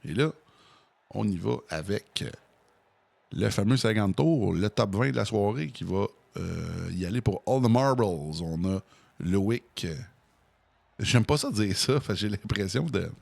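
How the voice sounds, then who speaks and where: A man with a Québécois French accent doing live race commentary, exclaiming loudly when the action heats up. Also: on the low side, a little slow, gravelly, no room sound. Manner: excitable, exclaims during crashes. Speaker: play-by-play commentator.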